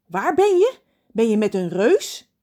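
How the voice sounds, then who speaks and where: A woman's voice: fairly high pitch, sing-song, unhurried, mellow, voice pushed up. A woman reading a storybook and voicing a strict, worried mother who scolds sharply. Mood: angry.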